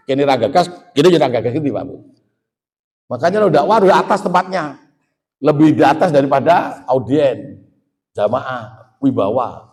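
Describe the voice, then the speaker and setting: Joking Javanese preacher in an echoey hall. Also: male voice, mid-range voice, darkish tone. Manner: folksy, joking, addresses audience as Pak and Bu. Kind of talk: sermon.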